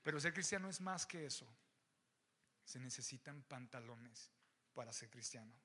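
A young man with a Mexican accent preaching an animated, joking sermon to young people, often raising his voice. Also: medium pitch, normal speed, breathy edge. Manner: animated, joking, shouts to the crowd. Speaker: youth preacher. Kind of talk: lively sermon.

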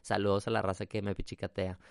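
A man's voice: lowish voice, flat delivery, fast talker, vocal fry, clear, resonant tone, no room sound, studio quality. A man with a Mexican accent hosting a podcast, talking in a casual, reflective monologue, slipping in English phrases and tag questions. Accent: Mexican Spanish. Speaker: podcast host.

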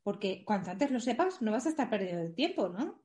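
A woman's voice: mid-range voice, big pitch swings, fairly quick, darkish tone. A woman in her thirties co-hosting a casual chat, bawdy and joking, laughing often. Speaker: podcast co-host.

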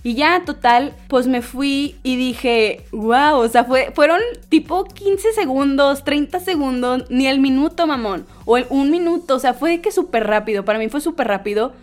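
A young woman in her twenties with a Mexican accent hosts a vlog of casual storytelling and chatty entertainment news. Her voice sits high, with a moderate pace and few pauses, and she's animated and slangy, acting out quotes in other voices.

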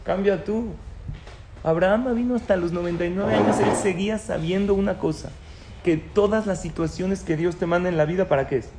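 In an echoey room with faint ambience, a man who is a rabbi lecturer delivers a religious talk, storytelling and posing questions to the audience. His voice is high and brisk, and there's heavy background noise.

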